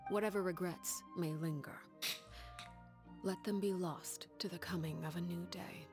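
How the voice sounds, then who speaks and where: A woman playing a composed, commanding female leader in a video game, speaking in a measured, solemn, authoritative way. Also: fairly low pitch, fairly even intonation, creaky, music in the background. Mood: somber. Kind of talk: video game character acting.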